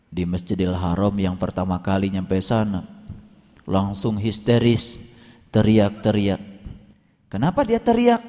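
Male preacher, slow and lively, soaring pitch on key points, long echo of a hall. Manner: animated, rising to high emphatic peaks, chants verses slowly. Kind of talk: sermon.

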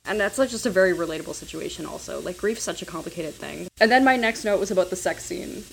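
A woman co-hosts a casual film podcast in a slightly low voice. She chats loosely, with many "like" fillers, over a faint hiss of noise. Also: expressive, fast talker, gravelly. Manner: chatty, lots of "like" fillers. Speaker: podcast co-host.

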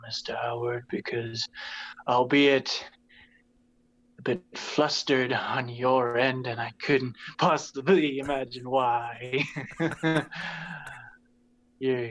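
An eerie masked chieftain voiced by a man talks at a crawling, deliberate pace in a mid-pitched voice. He is formal and measured, and he trails off into sinister whispers. The whole effect is unsettling and calm. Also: muffled recording. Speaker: band member in persona.

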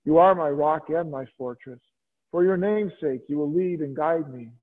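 A fairly high-voiced man leads Mass, reciting prayers and scripture in a slow, solemn cadence. The sound is thin and tinny like a radio broadcast, with a long church reverb trailing each phrase. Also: husky. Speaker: priest leading Mass. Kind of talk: liturgical prayers and scripture reading.

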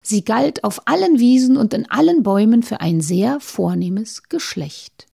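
Woman storyteller reading a children's tale, mellow and a bit gravelly, expressive, dips into whispers. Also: on the high side. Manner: expressive, sometimes dropping to a whisper.

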